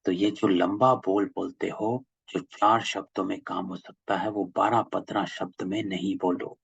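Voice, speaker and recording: A man's voice: low-pitched, fairly even intonation, a little slow, no room sound. A man leading a spiritual class, patiently explaining a discourse and repeating key phrases over a video call. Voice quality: gravelly, husky. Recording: dull lo-fi call audio, dry.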